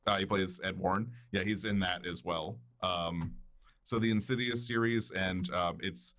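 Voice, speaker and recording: A man's voice: low voice, fairly even intonation, normal speed, fairly bright tone. A man co-hosting a casual podcast, speaking hesitantly with lots of ums and uhs. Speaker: podcast co-host. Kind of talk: casual chat.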